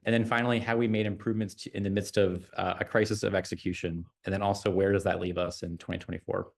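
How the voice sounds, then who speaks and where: A man's voice: deep voice, flat delivery, fast, gravelly. A man giving a conference presentation as a designer, speaking in a chatty way with many fillers and restarts.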